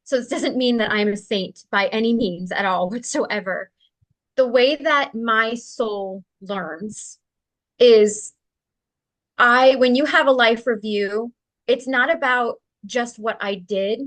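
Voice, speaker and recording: A woman's voice: on the high side, slow, a bit bright. A woman who is a guest in an interview, telling a personal story in an earnest, open way, with light laughs and fillers. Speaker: interview guest, spiritual practitioner.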